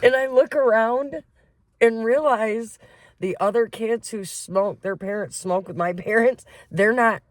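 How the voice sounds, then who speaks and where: A woman's voice: a little high, measured pace, dry recording. A woman from Michigan co-hosting a casual podcast, telling stories with lots of swearing and laughter. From Flint, Michigan. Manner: profane, laughing, animated storyteller. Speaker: podcast co-host. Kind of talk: casual chat, storytelling.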